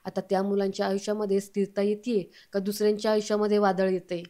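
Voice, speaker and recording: A woman reading the lines of a suspicious middle-aged man voicing his doubts, in a mellow, flat voice. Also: mid-range voice, fast talker, close to an everyday voice.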